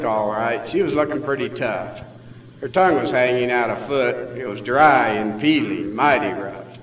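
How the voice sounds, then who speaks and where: A man recites rhymed cowboy verse in a folksy American West drawl, his voice sitting at an ordinary male pitch. He is recorded from a distance in a reverberant hall, with faint noise around his words. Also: dull audio. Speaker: cowboy poet. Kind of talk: reciting rhymed cowboy poetry as live storytelling.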